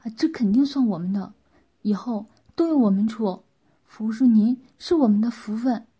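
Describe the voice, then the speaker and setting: A deferential, eager servant, played by a woman reader in an audio story. The voice is breathy and a little raised. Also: on the high side, moderate pace, mellow.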